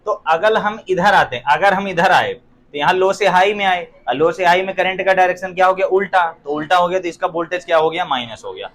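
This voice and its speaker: A man's voice: high voice, brisk, fairly bright tone. A young man teaching physics in a classroom, firing rhetorical questions at his students and throwing in joking asides. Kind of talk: classroom lecture.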